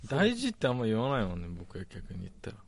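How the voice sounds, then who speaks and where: A man co-hosting a podcast in casual chat, quick and teasing, speeding up in bursts. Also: low voice, creaky, no room sound. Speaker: podcast co-host.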